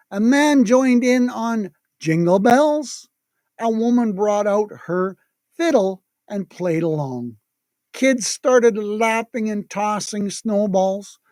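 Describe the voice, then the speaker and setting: A storyteller narrating a children's tale gently and expressively, with dramatic pauses. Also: mid-range voice, no echo. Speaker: storyteller and meditation host.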